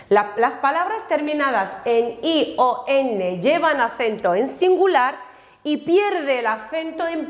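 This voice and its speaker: Slow, lively woman teacher, echoey room. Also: sits high. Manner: slow, deliberate, models words aloud. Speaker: Spanish teacher. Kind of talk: recorded classroom lesson.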